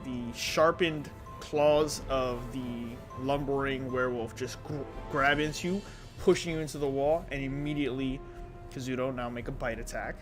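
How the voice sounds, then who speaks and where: A man's voice: mid-range voice, fairly even intonation, moderate pace. A man narrating and refereeing a tabletop role-playing game as game master, with playful, dramatic storytelling and casual language. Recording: music playing clearly behind the voice.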